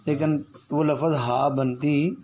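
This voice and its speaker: A man leads children through letter sounds, drawing each one out so they can echo it back. His voice sits a little high, with faint noise behind him. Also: steady tone, a little mellow. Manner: slow, drawn-out letter sounds for children to repeat. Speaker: Quran reading teacher. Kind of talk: call-and-response phonics lesson.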